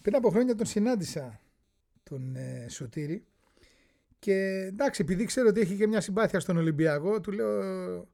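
A male host telling a sports story in a chatty way, often pausing on drawn-out hesitations. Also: sits high, expressive, vocal fry, dark tone. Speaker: radio and TV show host. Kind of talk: storytelling talk-show narration.

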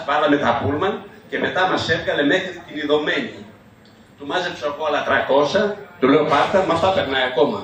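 A high-voiced older man recounts old stories and acts out what others said. He is recorded from a distance in a very echoey room. A crowd can be heard behind him. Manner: lively, quotes people vividly, chuckles through stories. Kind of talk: anecdotal storytelling.

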